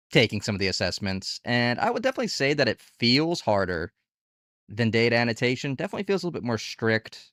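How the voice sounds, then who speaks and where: Speaking casually and candidly, a man hosts a conversational tutorial reviewing online gig work platforms and asks rhetorical questions. His medium-pitched voice is a bit bright, recorded at studio quality with no echo.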